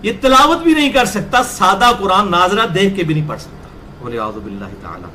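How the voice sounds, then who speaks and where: Middle-aged man, high voice, combative and boastful, slow chanted recitation. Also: sing-song, bright, forceful tone, slight background noise. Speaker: religious speaker answering critics. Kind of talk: polemical talk with Quran recitation.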